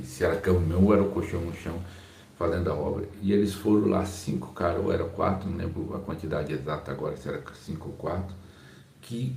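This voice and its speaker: A man with a Brazilian Portuguese accent, a pastor teaching his audience in a slow, calm, soft-spoken way, recorded on a phone's built-in mic. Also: sits low, creaky, roomy sound. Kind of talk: informal teaching talk to a live audience.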